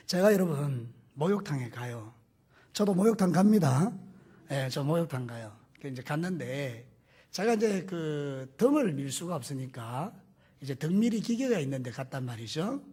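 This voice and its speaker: A male pastor preaching a sermon, animated and putting questions to the congregation, with folksy, humorous stories. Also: fairly high pitch, slightly rough.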